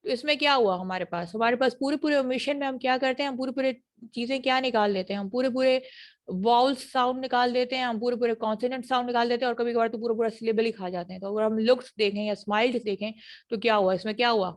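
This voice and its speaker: A woman's voice: fairly high pitch, steady tone. Pakistani woman lecturing online. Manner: explanatory, repeats English phrases slowly then fast; checks understanding often. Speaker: university lecturer.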